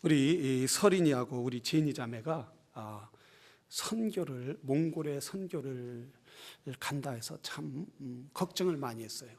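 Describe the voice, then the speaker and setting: A man preaching a sermon as pastor. He swings from shouted exhortation to a hushed near-whisper and keeps putting rhetorical questions to the congregation. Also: medium pitch, expressive, a little slow, vocal fry.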